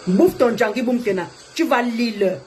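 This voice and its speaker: A woman's voice: a little high, a little slow, darkish tone. Give me a combative woman trading insults, with a bit of background noise. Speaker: live-stream clash participant. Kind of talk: heated live-stream argument.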